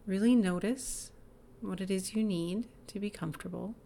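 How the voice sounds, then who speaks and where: A woman leading a guided body-awareness exercise in a calm, gentle, inviting manner, sometimes dropping to a soft whisper. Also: mid-range voice, normal speed, creaky, slight background noise.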